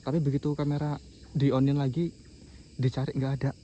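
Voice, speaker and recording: A man's voice: medium pitch, little pitch movement, brisk, warm tone. Man vlogging amid night insect noise. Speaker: host of a camping horror channel. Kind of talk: casual vlog chat to viewers. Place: outdoors at a night campsite under bamboo. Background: crickets and insects.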